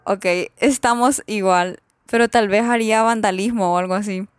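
Young Guatemalan woman, mid-pitched, rambling casual vlogger, dry close sound. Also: fairly even intonation, normal speed, clear, resonant tone, dry recording. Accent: Guatemalan Spanish. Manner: rambling, chatty, frequent fillers and laughs. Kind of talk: casual chat reading viewer answers.

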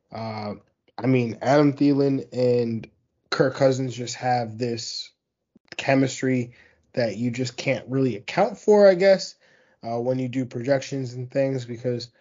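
A fantasy football podcast host rambles casually through the week's receiver stats, his voice at an ordinary middle pitch with a dark tone. He keeps backtracking with fillers and restarts. The audio is a little dull and lo-fi.

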